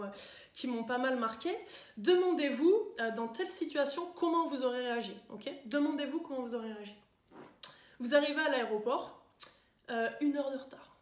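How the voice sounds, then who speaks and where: A woman's voice: high-pitched, a little fast, roomy sound. A woman coach talking to viewers in a chatty way, with many fillers and tag questions. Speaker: coach giving self-improvement advice. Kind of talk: live talk to viewers.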